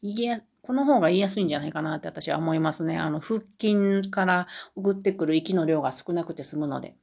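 A woman's voice: low-pitched, a little fast, vocal fry, darkish tone. A woman with a Kansai Japanese accent hosting a solo podcast lesson, drilling numbers in Japanese and then English and chatting in a self-deprecating way. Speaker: podcast host teaching English.

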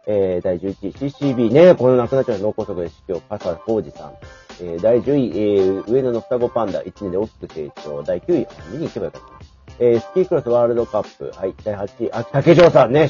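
Chatty young guy reading news headlines, lots of filler, lively up-and-down voice, dull lo-fi sound w faint music. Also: fairly low pitch. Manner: chatty, laughs often, reads headlines with fillers. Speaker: podcast co-host. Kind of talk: casual chat, reading a news ranking.

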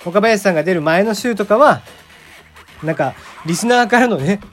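Faint music plays behind this Kagoshima podcaster in his forties as he chats through a rambling radio-style monologue, with many fillers and small laughs. His voice is high-pitched, expressive, and fairly bright, at a moderate pace.

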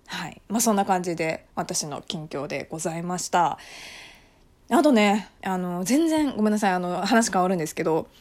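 A young woman hosting her own podcast, chatting casually on her own with frequent laughs and soft fillers. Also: fairly low pitch, lively intonation, a little fast. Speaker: podcast host. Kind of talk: casual solo podcast chat.

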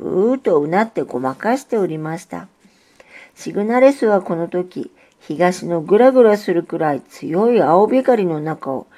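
A woman narrating a storybook in a calm, measured reading. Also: fairly low pitch.

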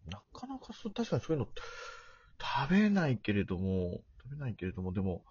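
A middle-aged man with a rough, gravelly voice, chatting casually as a podcast guest. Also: mid-range voice, wildly swooping pitch, a little fast, a little mellow, no echo. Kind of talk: casual chat. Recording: dull, muffled lo-fi audio.

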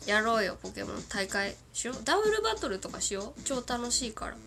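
A woman in her thirties hosts a loose solo radio chat, giggling often and talking freely. She has a cold and sniffles between lines, and her pitch bounces widely with music playing underneath. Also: sing-song, fast. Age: 30s. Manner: giggly, chatty, doing cartoon character impressions. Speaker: radio show host.

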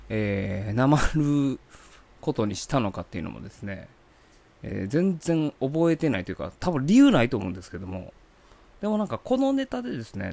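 A low-pitched man with a rough, gravelly edge talks in a polite, rambling way. His pitch rises and falls with a lot of life as he recalls his work as a comedian. It is a relaxed solo podcast chat. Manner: polite, chatty storytelling. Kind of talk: casual podcast monologue.

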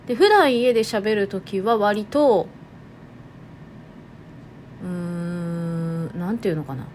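A woman from Toyama, Japan, speaking with a Toyama Japanese accent, hosts her own internet radio show in casual solo talk. Her mid-range, somewhat mellow voice moves slowly as she muses aloud, amused at herself, over slight background noise.

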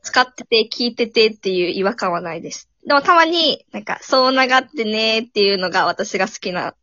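A woman's voice: medium pitch, animated, brisk, sharp tone, dry recording, dull audio. A woman in her twenties with a Kansai accent, a university student guest chatting cheerfully. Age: 20s. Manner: cheerful, giggly. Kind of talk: casual chat.

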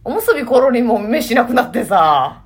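A woman with a Kansai accent, hosting a casual comedy radio chat and firing off quick, bantering retorts. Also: on the high side, big pitch swings, slightly rough. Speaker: comedy duo radio host.

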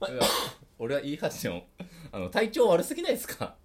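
A man co-hosting a casual talk show, teasing his partner in a deadpan, provoking way. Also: on the high side, a little fast. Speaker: podcast co-host. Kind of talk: casual banter.

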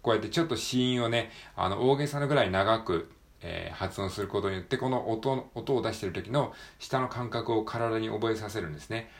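A Japanese man with a low voice and a gravelly, creaky edge talks calmly through English pronunciation. He explains a point, then reads practice words and phrases slowly, drawing each sound out with emphasis. He has a strong Japanese accent. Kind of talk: solo read-aloud practice with commentary.

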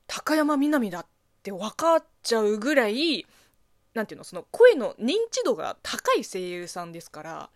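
A Chinese woman whose first language is Chinese, hosting a casual radio show in which she reads listener mail, laughing often and speaking with a slightly husky, boyish voice. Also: medium pitch, sing-song, normal speed, no echo, clean studio sound. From China. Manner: giggly, laughs often, self-deprecating.

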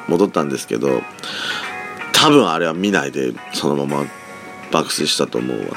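Sleepy, raspy low-voiced man chatting. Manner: chatty, drifting, uses soft feminine speech endings. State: sleepy just-woken voice. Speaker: solo podcast host. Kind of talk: casual rambling solo talk. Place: room at home. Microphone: phone app mic set back from the mouth. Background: faint background music.

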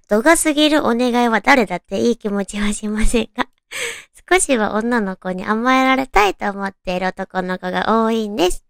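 A woman's voice: fairly high pitch, expressive, normal speed, gravelly, no echo, clean studio sound. A woman chatting casually and girlishly as a solo host, reading out romantic material and adding her own reactions. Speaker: solo host of an audio talk show.

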